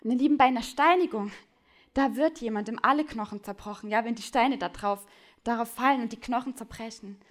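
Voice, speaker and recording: A woman preaching a sermon, speaking straight to her listeners and swinging between loud urgent appeals and hushed, intimate lines. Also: on the high side, a little fast. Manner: addresses listeners directly with questions.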